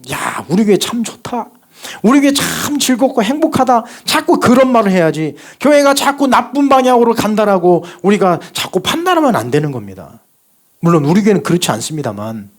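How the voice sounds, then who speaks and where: A man preaching a sermon as a pastor at a church service, urging the congregation with emphatic, repeated exhortations. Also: high voice.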